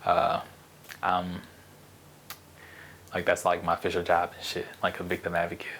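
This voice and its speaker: A man's voice: low-pitched, monotone, moderate pace, fairly bright tone. Blunt, profane man talking casually. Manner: blunt, profane, rambling with frequent restarts. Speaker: podcast host. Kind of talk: casual solo podcast monologue.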